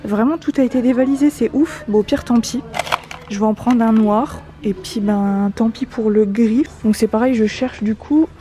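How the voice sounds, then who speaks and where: A woman's voice: a little high, normal speed, mellow. Woman vlogger talking through a face mask. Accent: French. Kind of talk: casual vlog chat while shopping. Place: inside an office supply shop.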